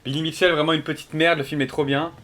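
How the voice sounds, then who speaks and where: A young man casually talking to his chat while he plays a game. He is excitable, chatty and full of fillers, and he swears often. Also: on the high side, fast talker. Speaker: streamer. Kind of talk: casual gameplay commentary to chat.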